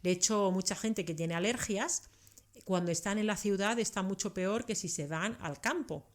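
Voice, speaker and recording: A middle-aged woman from Karelia in southeastern Finland, a native Finnish speaker, appears as an expert interview guest. A doctor and science communicator, she explains things conversationally at medium pitch and normal speed, often adding tag questions.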